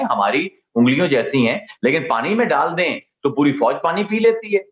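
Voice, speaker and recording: A man lecturing and telling a story, throwing his voice up and down as he acts out what each person says. His voice sits in a middling register. The sound is echoey and a little dull, as if taped in a big room. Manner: lively storyteller who acts out quoted lines with big pitch swings. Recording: roomy, slightly dull recording.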